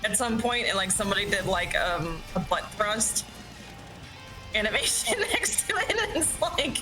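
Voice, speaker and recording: A woman's voice: mid-range voice, big pitch swings, normal speed, low-quality recording. A woman chatting casually while watching a game stream, rambling with fillers and frequent laughter. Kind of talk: casual chat. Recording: game music playing behind.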